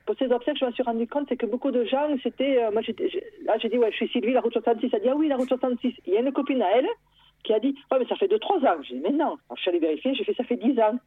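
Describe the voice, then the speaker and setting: A woman on a phone call recounts a story at a rapid clip, her high voice slightly husky. She talks in a lively, tumbling way, often starting a sentence over. The line is tinny and narrow, like a telephone. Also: no echo. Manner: lively, with frequent restarts. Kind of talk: telling a personal story.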